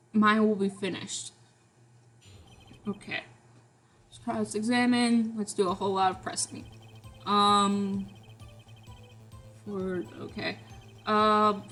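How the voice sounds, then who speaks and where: A woman playing a story game reads its lines in a casual voice. She hesitates and stumbles often, at a middling pitch. Faint game music plays behind her. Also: fairly bright tone. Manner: hesitant, with stammers and fillers. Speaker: game player reading all the parts. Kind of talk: casual let's-play voice reading.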